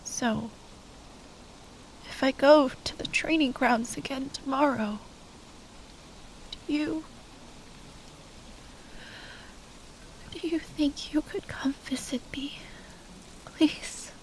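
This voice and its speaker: Her pitch sits high as she plays the grieving, proud royal knight of this fantasy ASMR piece, pleading in soft, halting, frequently breathy whispers that carry tenderness and a wry edge. The audio is poor, with a little background noise.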